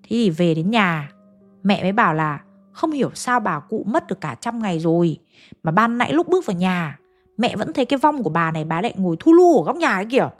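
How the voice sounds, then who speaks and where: A woman's voice: medium pitch, very animated, fast, soft background music. Chatty woman telling ghost stories. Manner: chatty, addresses listeners directly. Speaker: storyteller. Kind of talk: oral ghost story narration.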